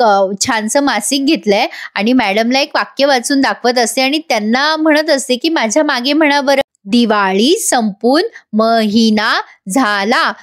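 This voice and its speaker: A woman narrating a lively voice-over recap of a TV serial episode, talking to her viewers. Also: high-pitched. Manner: lively storytelling, addresses viewers. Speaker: TV serial reviewer.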